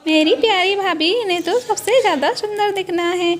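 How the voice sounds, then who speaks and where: A woman's voice: very high voice, normal speed, slight background noise. A woman voicing a cheerful young sister-in-law in a doll story, eager and chatty. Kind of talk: doll story role-play.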